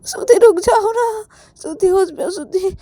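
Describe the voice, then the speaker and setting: A woman voicing a frantic young woman who pleads in a high, tearful voice. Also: normal speed, mellow, no room sound. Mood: pleading.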